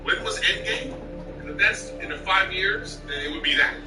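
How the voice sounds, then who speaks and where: A man chatting on a podcast, halting and rambling, with teasing jabs. His voice sits a little high and moves a lot. He is off-mic in an echoey room with loud music playing. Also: animated, far from the mic. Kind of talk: casual chat.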